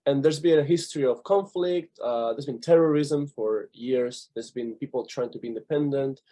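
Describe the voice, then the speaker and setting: A man's voice: medium pitch, moderate pace, warm tone. A man from the Basque Country with a Basque accent, answering interview questions conversationally in short, hesitant phrases. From Basque Country, Spain. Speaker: interview guest.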